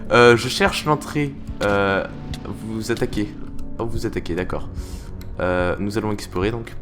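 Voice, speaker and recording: A man's voice: fairly low pitch, a little slow, music in the background. A man hosting a semi-roleplay game video, commenting in a mock-formal, theatrical way with many hesitations. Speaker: let's play host.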